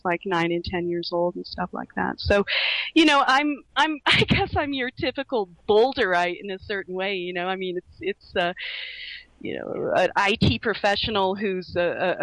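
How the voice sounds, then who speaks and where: A middle-aged woman who grew up in Laos, a radio guest speaking earnestly and reflectively, with many pauses and restarts. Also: lowish voice, dry recording, low-quality recording. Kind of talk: earnest conversation.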